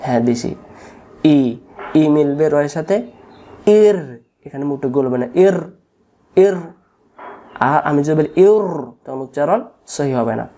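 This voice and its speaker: A man with a Bangladeshi Bengali accent teaching Quran recitation, slowly repeating each letter sound for learners to copy. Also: on the high side, fairly even intonation, warm tone. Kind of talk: tajweed lesson.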